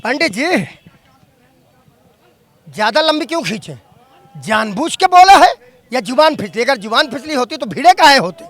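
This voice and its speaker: A man's voice: very high-pitched, sing-song, normal speed, long pauses, a bit bright, no echo. A man, anchoring a political debate and pressing the same question again and again.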